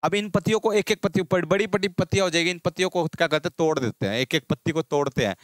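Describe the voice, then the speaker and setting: Male tutor, quick call-and-response drilling, clean close voice, dry sound. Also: fairly high pitch, no room sound. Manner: drills terms with repeated call-and-response questions. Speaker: agriculture teacher. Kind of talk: exam-prep lecture.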